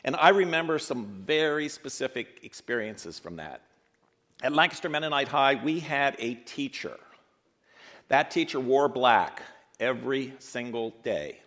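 A man in his sixties giving a speech to an audience, telling his life story in an earnest, reflective way and slowing down to stress key points. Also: mid-range voice, big pitch swings, fairly bright tone. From grew up in Ethiopia and the United States. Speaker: guest speaker.

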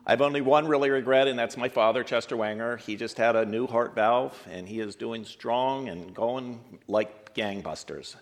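A man's voice: mid-range voice, normal speed, hardly any pauses. Earnest man in his sixties giving a talk. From grew up in Ethiopia and the United States. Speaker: guest speaker. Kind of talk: speech to a live audience.

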